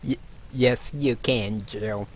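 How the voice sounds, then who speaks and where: A man narrating a tabletop game as game master, halting with frequent restarts. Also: on the low side, slight background noise. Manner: halting, many restarts and laughs.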